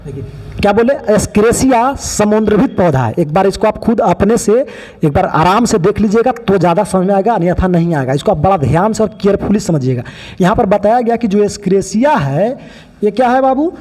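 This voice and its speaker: A man's voice: high-pitched, lively intonation, a little fast, a little mellow, long reverb tail. A man teaching biology, pointing out other teachers' mistakes in a critical, explaining way. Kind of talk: online lesson commentary.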